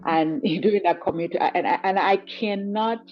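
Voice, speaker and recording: A woman's voice: mid-range voice, moderate pace, highs cut off, soft background music. A woman from Cameroon giving a testimonial in an interview, earnest and reflective, often saying "you know". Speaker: guest giving a client testimonial. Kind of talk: conversational interview over a call.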